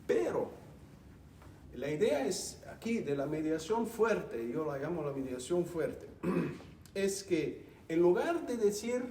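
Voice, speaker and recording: A man giving an emphatic teaching talk to a group, animated and repeating key words. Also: on the high side, slow. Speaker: speaker teaching on faith. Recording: roomy hall, distant mic, faint hum.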